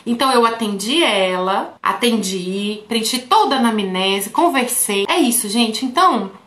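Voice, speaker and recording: Woman therapist chatting to her viewers, kinda high voice, echoey room. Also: expressive, measured pace, a bit bright. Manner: talks straight to viewers, often saying "folks". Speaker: therapist teaching other therapists. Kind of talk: casual teaching through a patient story. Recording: roomy echo.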